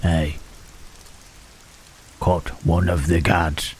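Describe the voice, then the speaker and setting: A man playing Frankenstein's monster in an ASMR roleplay, a gentle, melancholy reanimated creature who speaks in a hushed, halting, formal way. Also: low-pitched, level tone, slight background noise. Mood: hushed, wary.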